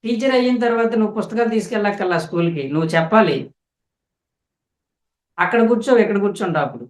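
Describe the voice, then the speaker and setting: Man giving a spiritual talk in an echoey room. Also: high voice. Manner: explains slowly with repetition; addresses listeners directly. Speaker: spiritual teacher. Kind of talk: spiritual discourse.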